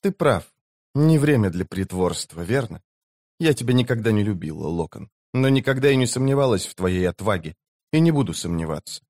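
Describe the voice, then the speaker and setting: A man's voice: lowish voice, big pitch swings, fairly quick, a little mellow. A man voicing a weary, blunt female sorceress in a plain, curt way.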